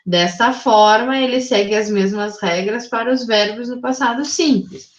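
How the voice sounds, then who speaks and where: A Brazilian woman teaching an English grammar lesson to her class, reading example sentences slowly and checking in with "tá?" and "né?". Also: mid-range voice. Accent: Brazilian Portuguese. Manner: explains slowly, reads English examples very slowly, adds "tá?" and "né?". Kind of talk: recorded remote class lesson. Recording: echoey room, dull lo-fi audio.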